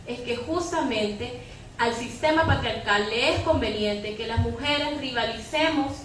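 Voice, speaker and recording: A fairly high-pitched woman speaks a little slowly while arguing as a panelist in a public debate, analytical, emphatic and impassioned, often finishing on a questioning tag. The sound comes from a distant mic in an echoey hall, with background noise.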